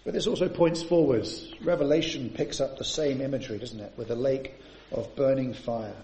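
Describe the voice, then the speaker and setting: A man's voice: medium pitch, moderate pace, a little mellow, echoey room. A man preaching a sermon to his congregation, often adding rhetorical tag questions.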